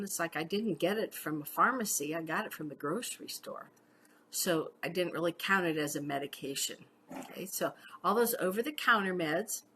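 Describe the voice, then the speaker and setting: Woman, middle-aged, paramedic educator; lowish pitch, conversational lecture with personal asides, light background noise. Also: sharp tone. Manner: chatty, uses "okay?" checks and personal stories. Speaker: paramedic instructor. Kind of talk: casual teaching lecture.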